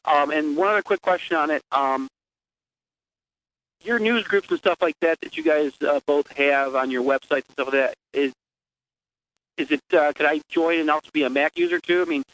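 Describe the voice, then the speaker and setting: A man from Rochester, New York, calling in to a radio show and asking friendly, halting questions. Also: fairly high pitch, fairly bright tone, rough recording.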